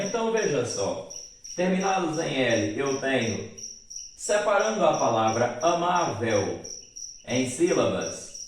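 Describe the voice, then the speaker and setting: A male teacher giving a slow, deliberate grammar lesson, asking students' questions aloud and answering them. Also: a little high, slight background noise. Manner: slow and deliberate, spelling out endings. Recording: very echoey room, mic at a distance.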